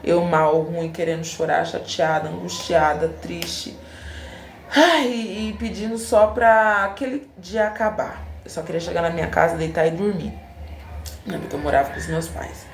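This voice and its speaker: Brazilian woman, low husky fry voice, reflective story chat, faint room hum. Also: moderate pace. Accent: Brazilian, São Paulo. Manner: emotional, reflective, re-enacts dialogue. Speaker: braider telling a personal story. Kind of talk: casual personal storytelling. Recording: echoey room.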